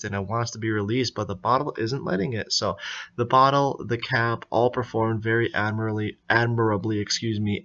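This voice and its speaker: A man's voice: fairly low pitch, fairly bright tone. A young man giving an earnest, mock-formal drink review with scores, as the channel's host. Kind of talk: product review narration. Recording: slightly dull lo-fi audio.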